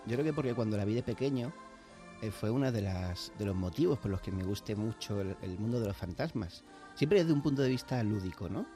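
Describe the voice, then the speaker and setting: A man's voice: lowish voice, lively intonation, fairly quick. A man, a novelist guest on a radio show, talking in a chatty, reflective way and laughing easily. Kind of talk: radio interview. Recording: soft music playing underneath.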